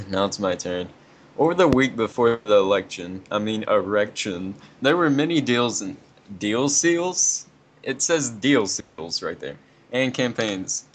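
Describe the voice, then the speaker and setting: A man's voice: lowish voice, a little hiss or hum. A young man reading a story aloud casually, with sarcastic asides that mock the text. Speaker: co-reader of a dramatic fan fiction reading.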